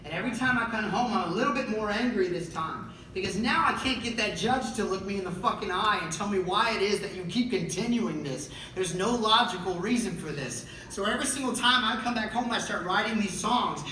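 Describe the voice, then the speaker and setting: A man telling a raw, profane personal story on a concert stage, moving from hushed to shouting. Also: sits high, expressive, brisk, hardly any pauses, slight background noise. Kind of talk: spoken storytelling between songs. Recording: echoey live venue from far off, loud crowd.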